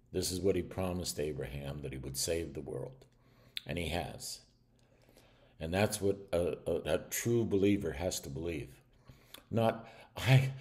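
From a small room at home, an older man preaches a stern warning sermon to camera. His voice is low and mellow, and he speaks earnestly but haltingly, restarting often.

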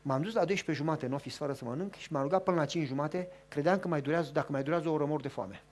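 A man's voice: fairly high pitch, a little hiss or hum. Man preaching, telling a story. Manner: lively, colloquial, acts out dialogue. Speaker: pastor. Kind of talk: storytelling sermon.

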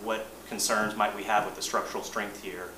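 A man, an engineering manager, presenting updates to a board in a measured, plain-spoken way, often restarting his sentences. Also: fairly low pitch, little pitch movement, pushed and bright. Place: boardroom meeting. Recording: roomy distant mic, noisy meeting room.

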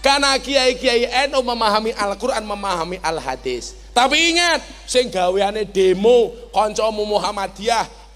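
A man with a Javanese accent preaching a sermon to a large gathering, animated, jumping between joking asides and shouted exhortations. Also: high voice, in a large hall.

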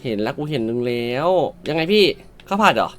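A woman commentating a shop game, loud and exclamatory, swearing playfully at the game characters and now and then switching to a polite clerk voice. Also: very deep voice, lively intonation, fairly quick. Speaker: gamer. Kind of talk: let's-play commentary.

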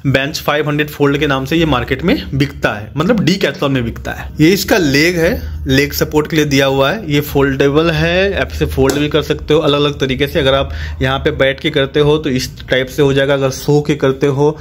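चुलबुला, बातूनी आदमी का घरेलू review. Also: male voice, on the high side, steady tone, moderate pace, few pauses, slight background noise. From Jharkhand, India. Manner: chatty, repeats himself, corrects on the fly. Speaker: vlogger reviewing a gym bench. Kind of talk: casual product review. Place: small room at home, indoors. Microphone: phone camera, handheld close.

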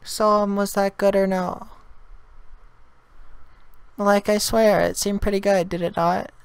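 Valley girl rambling, flat smooth voice, dry sound, guy faking it. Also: sits high, unhurried, no room sound, pitched above the performer's own voice. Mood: chatty. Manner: filler-heavy, rambling, lots of "like". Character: chatty young woman, valley-girl talk. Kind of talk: prank video chat.

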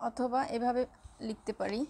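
A woman teaches a pronunciation lesson with a high-pitched voice. She goes slowly and patiently and names each letter one at a time, the way a lecturer explains to her class. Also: fairly even intonation, vocal fry, mellow. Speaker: Bengali lecturer.

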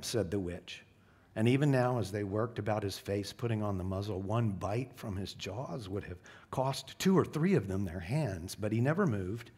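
A male pastor preaching a sermon, reading a storybook passage aloud in a dramatic way that drops soft for the solemn parts. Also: medium pitch, breathy edge.

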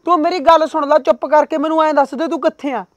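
A jealous, hot-headed young man, played by an actor who pushes and demands without letting up. His voice sits high and the words tumble out fast. Pushy and swearing, he is a short film figure. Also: steady tone, lo-fi sound. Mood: demanding. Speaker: son and temp worker.

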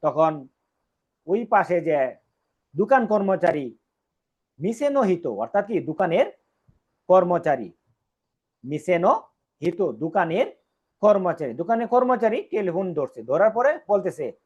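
A man's voice: sits high, big pitch swings, a little slow, pauses often, a little mellow, slightly rough. A man teaching a Japanese lesson, explaining step by step and repeating each phrase. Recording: dull lo-fi recording.

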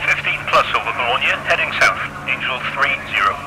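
A man's voice: medium pitch, animated, brisk, pitched above the performer's own voice. A man voicing a British wartime radar controller giving clipped radio procedure calls, heard as a crackly AM radio transmission. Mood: brisk. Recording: radio static, heavy noise.

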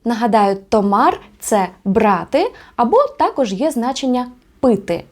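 A woman teaching an online language lesson, speaking with careful enunciation and slowing down to pronounce example words. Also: a little high, lively intonation, a little mellow. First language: Ukrainian. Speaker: Spanish teacher.

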